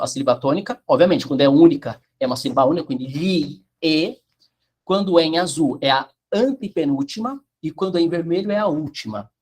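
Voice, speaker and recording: A man's voice: fairly high pitch, darkish tone, breathy edge. A man teaching Italian pronunciation in an online class, explaining with a sing-song lilt and checking the chat.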